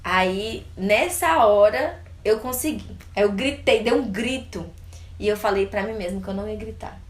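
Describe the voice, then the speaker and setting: A woman's voice: mid-range voice, normal speed, reverberant. A young Brazilian woman in her twenties, recounting a personal experience in an interview with frequent laughter. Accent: Brazilian Portuguese. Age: 20s. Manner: laughs often while telling, acts out quoted voices. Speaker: interview guest. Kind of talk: casual personal storytelling.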